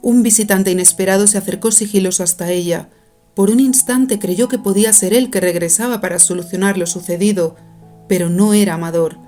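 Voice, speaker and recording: A woman narrating an audiobook in a calm, even storytelling manner. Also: medium pitch, brisk. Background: faint music.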